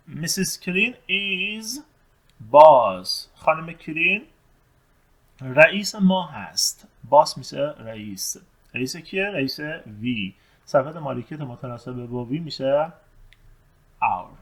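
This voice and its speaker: A man teaching English, reading test sentences slowly and then translating and explaining them. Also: mid-range voice, rough recording.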